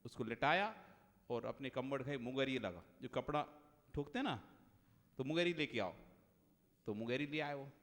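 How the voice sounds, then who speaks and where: A male Jain monk giving a sermon, telling a humorous story with animated delivery. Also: mid-range voice, normal speed, long pauses. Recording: long hall reverb.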